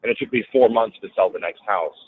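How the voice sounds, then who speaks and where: In a laid-back interview, a real estate businessman tells a story at a quick pace in a lowish, slightly rough voice. He brings the tale to life by voicing other people's lines loudly, and the recording has a tinny, phone-like sound.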